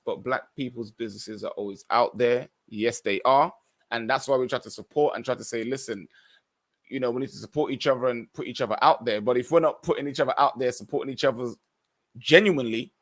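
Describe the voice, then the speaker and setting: Male podcast host, earnest and opinionated. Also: mid-range voice. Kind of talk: live commentary, reading out viewer comments and responding.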